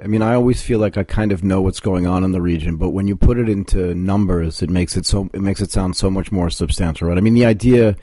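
A man's voice: on the low side, mellow, dry recording. A man hosting a podcast interview, talking in an enthusiastic, chatty way. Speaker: podcast host.

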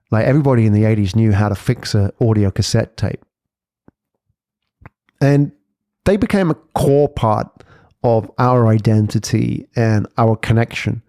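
This podcast host, a man in his forties, muses aloud in a relaxed, chatty solo segment, often tossing in rhetorical questions and tag phrases. He speaks in a mid-range, darkish voice, captured in studio quality without echo.

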